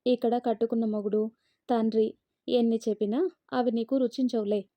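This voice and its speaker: A woman's voice: fairly high pitch, fairly even intonation, moderate pace, dark tone, no room sound, natural voice. A woman voicing a cold young husband who curtly reproaches his wife. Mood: reproachful. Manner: curt, reproachful.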